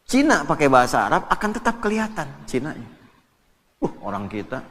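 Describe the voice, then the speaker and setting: Indonesian man preaching, high pitched. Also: a little fast, in a large hall, slight background noise. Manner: lively and joking, quoting Arabic scripture. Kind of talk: sermon.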